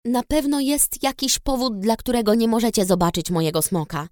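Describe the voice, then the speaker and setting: A woman's voice: fairly high pitch, animated, brisk, a little mellow, no room sound, studio quality, natural voice. A woman reading the lines of a frightened, stubborn teenage girl who rides a dragon, urgent and pleading.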